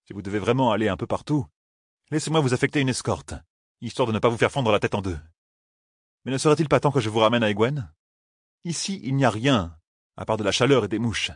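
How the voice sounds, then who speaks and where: An audiobook narrator voicing a wary young rogue, careful and ironic. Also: male voice, mid-range voice, animated, fairly quick, pauses often, dry recording, studio quality, natural voice.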